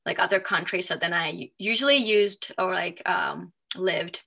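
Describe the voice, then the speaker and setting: Finnish-accented woman, gravelly and bright. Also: lowish voice, normal speed. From Finland. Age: 30s. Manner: loose, many fillers, thinks aloud. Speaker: guest, authenticity coach. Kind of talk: casual interview chat.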